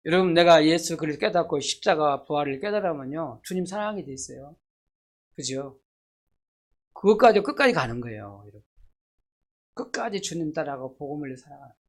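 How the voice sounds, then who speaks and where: A pastor delivers an emphatic sermon, firing rhetorical questions at the congregation. The voice rises to loud emphasis, then drops to soft, low asides. Scripture quotes are read slowly and deliberately. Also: lively intonation. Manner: reads scripture quotations slowly.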